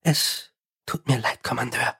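A grave dwarf priest speaks slowly and formally, weighing every word, as a male audiobook reader voices him. The tone is husky and steady. He sounds set apart and severe. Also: mid-range voice. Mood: somber. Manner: measured, formal.

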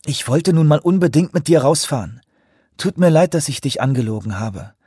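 A man's voice: a little high, lively intonation, moderate pace, dark tone, husky, no echo, studio quality, voice pushed up. A man voicing a stubborn, upset young woman who pleads and snaps back, in an audiobook reading. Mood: agitated. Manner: agitated, pleading and defiant.

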